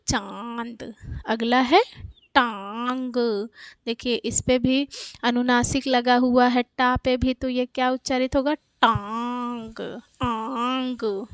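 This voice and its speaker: A woman giving a Hindi lesson, slowly drawing out each example word for the listener to repeat. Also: high-pitched, no echo, studio quality. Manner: drawn-out, slow enunciation of example words. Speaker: Hindi teacher. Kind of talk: teaching children's Hindi lesson.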